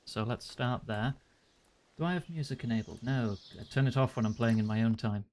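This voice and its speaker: A man's voice: mid-range voice, a little fast, a little mellow. A man doing casual, informal video game commentary, thinking aloud as he plays. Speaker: gamer narrating a playthrough.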